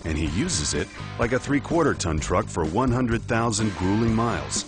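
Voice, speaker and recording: Man, low voice, scripted promotional narration, loud music bed. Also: expressive, moderate pace.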